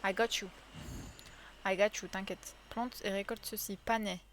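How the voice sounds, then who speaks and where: Unhurried and a bit bright, her mid-range voice keeps fairly even intonation, with a little hiss or hum present. The woman offers chatty, casual commentary to viewers during a cozy game stream, counting items aloud and crying out in frustration when things go wrong.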